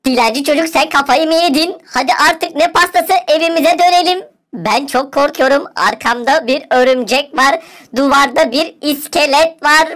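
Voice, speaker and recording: A woman's voice: sits high, normal speed, a bit bright. A woman doing a worried cartoon boy. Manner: worried, whiny, protesting.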